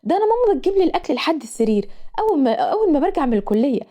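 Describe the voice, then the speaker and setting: Voicing a whiny young female student, a woman complains in an exaggerated way with an Egyptian Arabic accent. She speaks at a racing pace in a high, dark-toned voice that swings widely in pitch.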